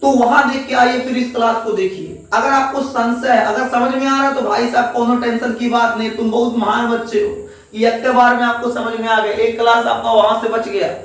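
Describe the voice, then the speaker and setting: A high-voiced man teaching chemistry with a lilt, coaxing his students along and echoing every answer back as a question. He sounds set back from the mic in a very echoey room. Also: steady tone, brisk, a bit bright, recorded from a distance. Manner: coaxing, repeats each answer as a question to the class. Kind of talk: classroom chemistry lecture.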